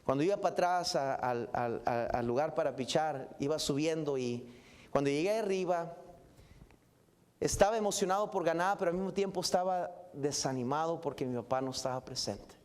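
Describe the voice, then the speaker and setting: A man, a pastor telling a story in a sermon in an animated, dramatic way with exclamations. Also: a little high, moderate pace, clear, resonant tone. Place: church sanctuary.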